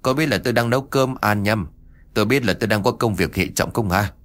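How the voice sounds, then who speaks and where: A man's voice: on the low side, fast talker, a bit bright, pitched above the performer's own voice, lightly acted. A man voicing a cowardly, henpecked old male exorcist who whines and complains in a storybook tale. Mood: bluster. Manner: whiny complaining.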